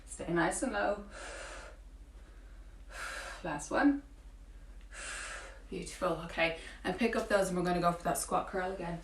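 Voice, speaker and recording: A woman fitness coach leading a home workout, encouraging and cueing breaths, with a morning croaky voice. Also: on the low side, unhurried, long pauses, a little hiss or hum. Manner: encouraging, counting through exercises. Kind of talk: guided home workout instruction. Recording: roomy, from a distance with faint ambience.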